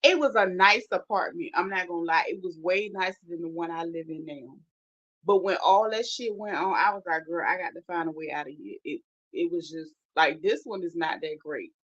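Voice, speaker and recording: A woman telling a story in casual, animated chat, emphatic and swearing freely. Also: on the low side, normal speed. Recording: dull lo-fi sound.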